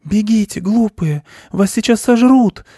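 A timid little male mouse squeaks in a very high, anxious voice. He pleads and frets constantly. The sound is dry and close. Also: lively intonation, a little slow, warm tone, no room sound. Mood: distressed.

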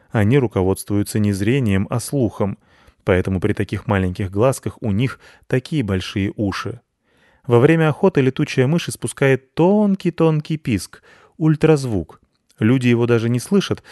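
A man narrating a children's storybook in a lively, explanatory way. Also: mid-range voice, dry recording, clean studio sound. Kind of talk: storybook reading.

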